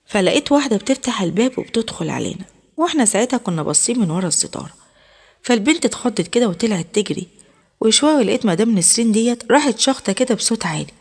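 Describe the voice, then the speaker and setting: A woman's voice: medium pitch, darkish tone. A woman with an Egyptian accent telling a first-person story in a chatty, conversational way. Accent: Egyptian Arabic.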